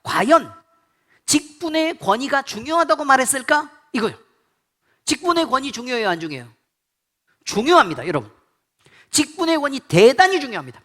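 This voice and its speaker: Animated preacher quizzing the congregation. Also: high voice, normal speed, long pauses. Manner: quizzes the congregation with repeated call-and-response questions; blunt, colloquial scolding. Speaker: pastor. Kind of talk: sermon.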